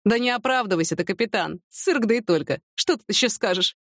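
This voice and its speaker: A woman's voice: mid-range voice, lively intonation, brisk, a bit bright, dry recording. Brief: a woman playing a teasing, sarcastic middle-aged police colonel, dry close sound. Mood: mocking.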